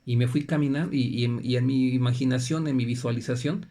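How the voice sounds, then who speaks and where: Man, warm low-key tone, chatty health talk, checks in with "right?", restarts phrases. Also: steady tone, brisk. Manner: conversational, keeps checking in with "right?"; repeats and restarts phrases while explaining. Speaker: natural health presenter. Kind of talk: informal health talk to viewers.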